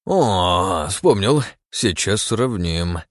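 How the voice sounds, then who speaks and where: A man's voice: fairly low pitch, animated, no echo, clean studio sound, lightly acted. Man doing a fussy gray-haired expert. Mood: musing. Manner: mumbling, drawn-out.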